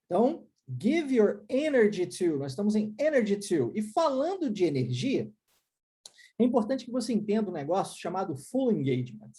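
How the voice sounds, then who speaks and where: Brazilian woman teaching, mellow voice. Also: medium pitch, sing-song, a little fast. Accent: Brazilian Portuguese. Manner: explanatory, checks in with "tá?" and "né?". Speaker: English teacher. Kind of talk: online English lesson in Portuguese.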